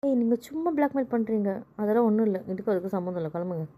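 A cheeky young wife who talks back and sighs with exasperation , as a woman acts her. Her tone is mellow and warm. It is an amateur audio drama. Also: medium pitch, lively intonation, rapid-fire, close to an everyday voice.

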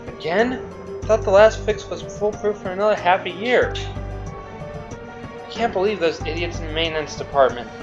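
A man voicing a brisk, sardonic male scientist in a game playthrough, with a casual, grumbling delivery. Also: high voice, over music, voice pushed up, lightly acted, low-quality recording.

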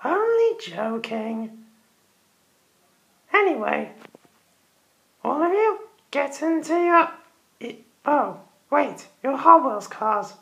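A woman's voice: sits high, very animated, slow pace, vocal fry, pauses often, a bit bright. A woman hosting a Halloween toy car race in a theatrical, teasing way, cackling between lines. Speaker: host.

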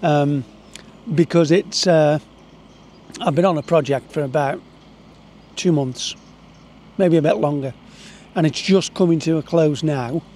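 A middle-aged or older man talking casually and haltingly to camera outdoors on a lapel mic, with a tractor rumbling behind. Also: darkish tone. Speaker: hobby photography vlogger. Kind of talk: casual vlog talk to camera. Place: outdoors in gardens. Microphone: lapel mic with furry windshield. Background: tractor engine rumble.

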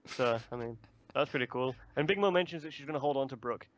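A man's voice: medium pitch, quick pace, lo-fi sound. A man co-hosting a casual manga review, talking in a rambling, chatty way with loose swearing. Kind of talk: casual chat.

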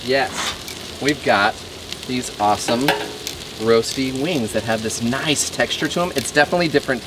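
At a normal speed and against a noisy backdrop, the same medium-pitched man in his thirties runs his laid-back outdoor cooking demo. Griddle sizzle carries behind him in the wood-walled kitchen as he jokes, stays upbeat, and drops movie quotes.

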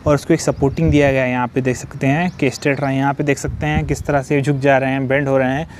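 Speaking fast in a medium-pitched, flat voice, a site vlogger films on his phone while walking through outdoor construction. There's slight background noise as he explains the work repetitively, using English technical terms.

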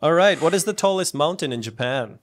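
A man's voice: on the high side, expressive, a little fast. A man hosting a casual studio quiz, upbeat and teasing. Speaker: quiz host.

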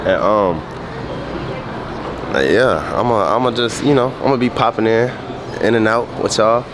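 This vlogger is a young man whose lowish voice sounds stuffed up as he talks unhurriedly in casual slang, throwing out hyped greetings. He holds the camera at arm's length, and the sound is roomy with background noise, moving from a small indoor room to a large electronics store.

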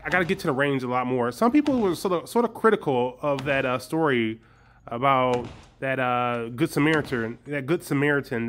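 A man's voice: mid-range voice, a bit bright, a little hiss or hum. A man, a young adult, chatting casually to his viewers in a rambling, hesitant way with frequent chuckles. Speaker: vlogger.

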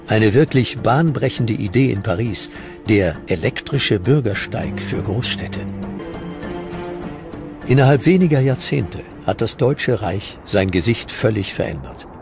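Reading a prepared script for a historical documentary, a man narrates in a fairly low, expressive voice at a slightly slow pace. Music is clearly audible beneath him.

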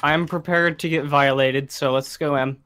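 A man's voice: on the high side, fairly even intonation, moderate pace, bright, forceful tone, smooth. A young man gaming online with friends over a headset mic, joking in a playful, self-mocking way. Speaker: gamer friend. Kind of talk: casual gaming chat.

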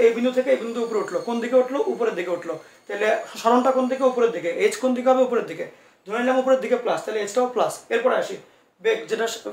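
A man teaches physics in an online class, talking fast and reassuring his students as he coaxes answers out of them. His voice is high and gravelly. He sits a little back from the mic in an echoey room. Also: distant mic, a little hiss or hum. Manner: quick, coaxing, reassuring tutoring with many asides.

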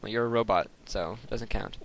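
A man's voice: fairly low pitch, brisk, creaky, crowd noise. A man casually commentating a video game, joking and riffing on what the characters say. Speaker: gameplay commentator. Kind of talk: casual let's-play commentary.

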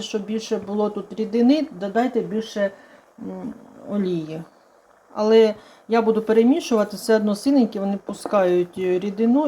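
A middle-aged woman hosting her own cooking channel, calmly explaining a home recipe step by step in an unhurried, chatty way. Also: medium pitch. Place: home kitchen. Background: sizzling frying food.

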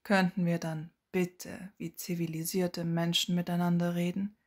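A cool, sardonic middle-aged wizard, as a woman reads him in an audiobook. He speaks calmly and drily in a low, husky voice, mocking without raising it. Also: measured pace. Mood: calm, dry. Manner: calm, dry, mocking.

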